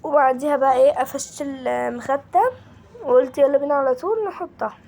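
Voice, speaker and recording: A woman's voice: sits high, fairly quick, darkish tone. A woman with an Egyptian Arabic accent narrating a casual home-cleaning vlog, chatting straight to her viewers as a group. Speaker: home vlogger.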